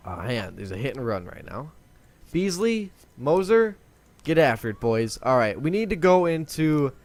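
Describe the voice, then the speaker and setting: In a casual let's-play video, the young male host chats and rambles, often correcting himself. He says his voice is lower today than it usually is.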